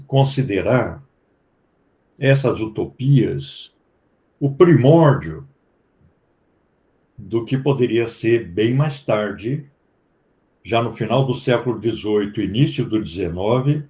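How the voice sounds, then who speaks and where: A man with a Brazilian Portuguese accent leads an academic study-group discussion. His voice sits in a middle pitch with a warm, mellow tone. He explains at length, often checking in with tag questions. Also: expressive, takes it slowly, pauses often. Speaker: professor leading a study group.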